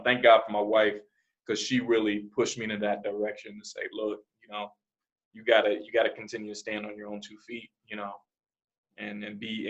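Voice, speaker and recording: A man from New Jersey who grew up in Arizona, a podcast guest talking in a relaxed, rambling way with many "you know" fillers. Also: lowish voice, dull audio. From born in New Jersey, raised in Arizona. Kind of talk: casual interview.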